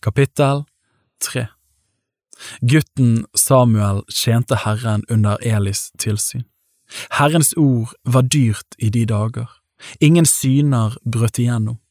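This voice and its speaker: A man's voice: medium pitch, no echo. Man reading scripture, dry close sound. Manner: measured, even-paced reading with lightly voiced quotes. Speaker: Bible reader.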